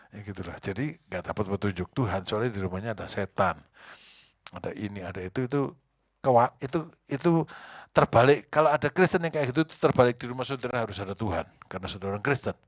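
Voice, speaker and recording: A man, a pastor, preaching a conversational, animated sermon and asking the congregation questions. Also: medium pitch, no room sound, clean studio sound.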